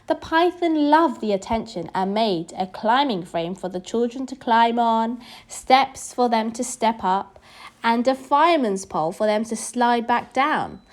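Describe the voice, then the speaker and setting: In a deliberate, expressive storytelling style, a woman with fairly high pitch reads a children's tale aloud.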